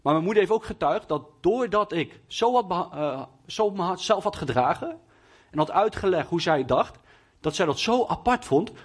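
A man's voice: sits high, animated, normal speed, slightly rough. A young man preaching in Dutch, telling a personal testimony in a hesitant way with many fillers and restarts. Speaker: lay preacher.

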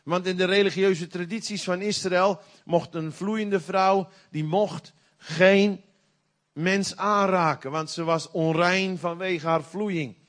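A middle-aged man preaches a sermon with a slightly raised voice. He talks in a folksy, conversational way, then bursts out loud on key points. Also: high voice, slow pace. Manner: animated, folksy preaching with sudden loud outbursts.

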